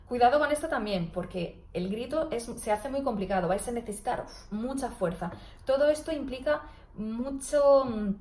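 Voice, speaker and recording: A young woman speaks as a speech therapist in a video blog. Her voice sits a little high, and her tone is earnest and cautionary as she explains. The recording carries a noticeably roomy echo. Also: a little mellow.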